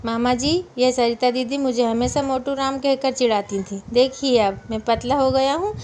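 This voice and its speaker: A playful, boastful young man who loves to tease, as a woman storyteller puts him on. His voice sits fairly high and bright, with faint hiss behind it, read for a storybook. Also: fairly even intonation, moderate pace, lightly acted. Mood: teasing. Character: cheerful teasing young man, a cousin.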